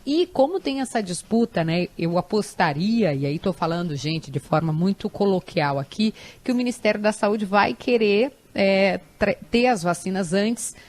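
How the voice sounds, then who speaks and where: A woman co-hosting a radio talk show, explaining the news in a loud, hopeful, conversational way. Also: mid-range voice, animated, normal speed, few pauses. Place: radio studio.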